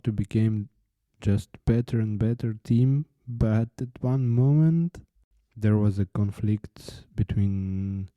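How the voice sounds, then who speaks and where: A young man from Ukraine speaks English, hosting his own podcast. His voice is very dark and mellow and stays low and flat in pitch. He talks slowly and haltingly, restarting phrases, recorded dry and close. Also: no echo. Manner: halting, searching for words, frequent restarts. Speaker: podcast host. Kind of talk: unscripted solo podcast storytelling.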